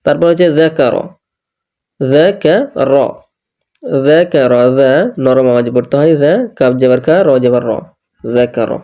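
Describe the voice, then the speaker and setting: A man's voice: medium pitch, fairly quick, dark tone. A man with a Bangladeshi Bengali accent teaching Quran recitation, patiently spelling out letters and syllables and repeating them. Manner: patient, repeats each syllable and corrects mistakes.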